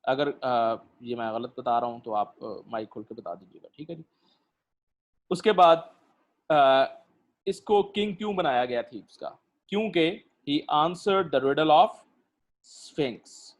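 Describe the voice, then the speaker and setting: In a mid-range voice, a man lectures on literature online, moving slowly through his points with frequent pauses and filler words while quizzing his students.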